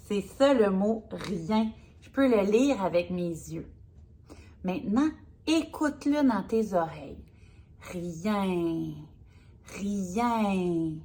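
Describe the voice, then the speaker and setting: A female speech therapist, reading a picture book aloud to a young child, slowly sounding out words. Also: medium pitch, darkish tone. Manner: slow, exaggerated, sounding out words.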